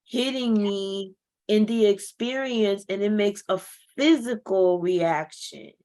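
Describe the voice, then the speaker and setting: A woman's voice: mid-range voice, slow, darkish tone. A woman with a mid-range voice talks casually and reflectively about an emotional experience. She sounds sincere and thoughtful. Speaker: regression subject. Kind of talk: casual chat.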